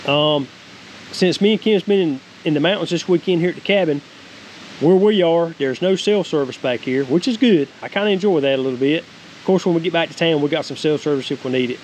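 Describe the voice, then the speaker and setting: Brisk and a little high, the voice belongs to a homestead vlogger in his forties with a Southern US accent, rambling folksily through a casual product review. The rough recording, made at a wooded creek and then a cabin deck, has a clear steady outdoor hiss.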